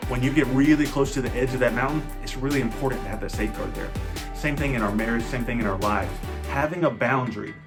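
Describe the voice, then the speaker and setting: A man's voice: mid-range voice, fast, over music. A man co-hosting a marriage channel in an earnest, encouraging and playful casual chat.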